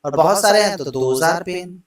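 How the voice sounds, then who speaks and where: Slow-talking Indian man teaching grammar. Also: high-pitched, reverberant, distant mic, low-quality recording. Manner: explains slowly, reads English examples word by word; mixes Hindi explanation with English examples. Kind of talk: grammar lesson.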